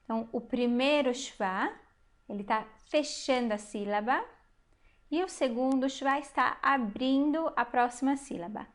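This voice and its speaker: A woman with a high voice leads a recorded online language lesson. She explains patiently and step by step, stopping to ask the learner questions. She sounds out each new word slowly and carefully. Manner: sounds out Hebrew words slowly. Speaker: Hebrew teacher.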